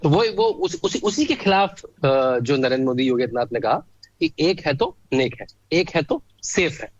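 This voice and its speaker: Man, guest, husky voice, fairly high pitch, emphatic, rattles off lists, dull lo-fi stream audio. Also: animated, moderate pace, no echo. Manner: emphatic, piles up lists of examples. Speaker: guest, author. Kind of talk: political commentary in conversation.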